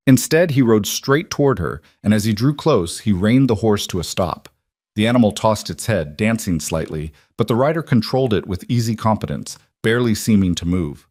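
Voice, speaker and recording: A man reading a western story aloud as narrator, in a measured, even storytelling manner. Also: fairly low pitch, no echo, clean studio sound. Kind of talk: scripted narration.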